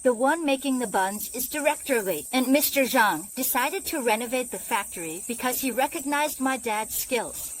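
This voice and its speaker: A woman's voice: sits high, animated, moderate pace, few pauses, no room sound, low-quality recording. A woman playing a spoiled young woman who scornfully bosses people around in a dubbed drama. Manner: haughty, commanding. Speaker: arrogant young woman, a boss's daughter.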